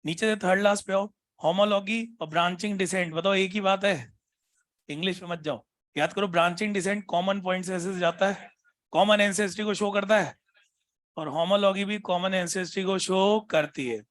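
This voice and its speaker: A man teaching a biology class, constantly prompting his students with questions and reading textbook lines slowly. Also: high voice, fairly even intonation, fairly bright tone. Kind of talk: classroom lecture.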